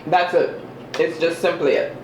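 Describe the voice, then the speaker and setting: Steady in tone and moderate in pace, this mid-range voice belongs to a vlogger chatting while eating on camera. The talk is casual, chatty and self-deprecating, with chewing and mm-hmm sounds, in a roomy recording with faint background noise.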